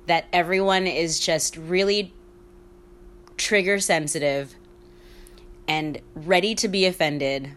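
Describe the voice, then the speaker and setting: With a lowish, fairly bright voice, this thirtysomething woman delivers a casual solo podcast monologue. She rambles and speaks candidly, cursing without restraint and laughing a lot.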